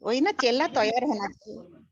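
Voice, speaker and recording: Older lady giving a spiritual lesson, high voice, pushy and repeats herself, muffled lo-fi sound. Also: expressive, normal speed, a little hiss or hum. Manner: emphatic, repetitive, mixes English into Hindi. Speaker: spiritual teacher. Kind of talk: spiritual teaching talk. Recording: dull lo-fi recording.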